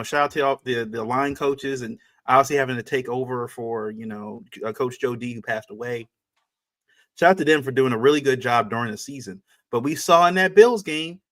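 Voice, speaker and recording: A man's voice: on the high side, fairly bright tone. Emphatic man in casual sports talk. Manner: emphatic, repeats points, frequent restarts. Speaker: sports podcast co-host.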